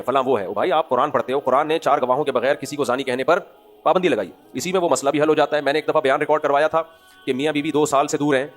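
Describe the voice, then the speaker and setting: A man with a Pakistani Urdu accent giving a religious lecture to an audience. He preaches with animation, pushing out emphatic rhetorical questions and then dropping into low asides. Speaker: Islamic scholar giving a lecture.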